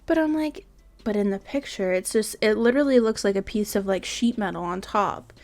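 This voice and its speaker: A woman's voice: medium pitch, brisk, a little mellow, faint music behind. A tired woman giving casual, rambling voice-over commentary on her building game, full of fillers and trailing asides. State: tired, yawning.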